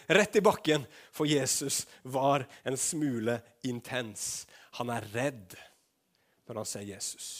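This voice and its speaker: A man preaching a sermon to a congregation, animated, swinging between loud bursts and hushed low passages and asking rhetorical questions.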